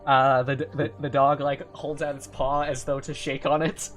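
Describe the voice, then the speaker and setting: A man's voice: mid-range voice, little pitch movement, normal speed, faint music behind. A man running a tabletop game as game master, narrating off the cuff in an informal, sweary way.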